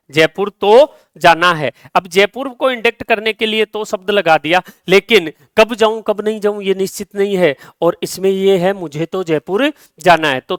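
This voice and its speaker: Male teacher, high and smooth, walks through answers patiently on a dry close mic. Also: fairly bright tone, no echo. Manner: explains step by step, reads example sentences slowly. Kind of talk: live exam paper solution lesson.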